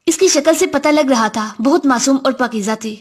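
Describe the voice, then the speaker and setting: A woman reading a first-person story aloud in a reflective, confiding manner. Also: high-pitched.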